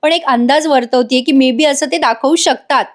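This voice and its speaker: A woman's voice: high-pitched, normal speed. A woman chattily recapping a television serial episode in a voice-over, speaking straight to her viewers. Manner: chatty, addresses viewers directly. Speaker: tv serial reviewer.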